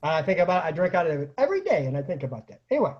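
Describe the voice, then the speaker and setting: An online show host tells funny personal stories, including about racing, in a loose, conversational way, laughing at his own tales. His high, husky voice swings widely in pitch as he animatedly acts out quoted lines. The homemade recording sounds slightly dull.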